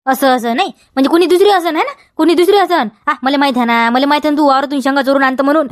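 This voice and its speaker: A woman's voice: high voice, quick pace, dry recording, studio quality, natural voice. A woman with a Vidarbha Marathi accent playing a scolding village farmer who nags and keeps tagging questions onto every line, in a comedy sketch. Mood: accusing. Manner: nagging, repeats demands, keeps tagging "हा?". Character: scolding village farmer man guarding his field.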